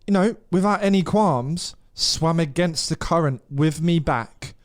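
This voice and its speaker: English man telling a lively anecdote. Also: on the high side, unhurried. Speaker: podcast co-host. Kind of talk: casual chat.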